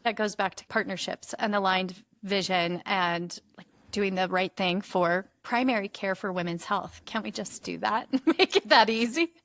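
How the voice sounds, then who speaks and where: A woman with a mid-range voice hosts a podcast with plain, frank remarks. Her speech comes across as relaxed and conversational. The recording is close and dry. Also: medium pitch, moderate pace, hardly any pauses, no echo. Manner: frank, laughs easily. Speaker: podcast host.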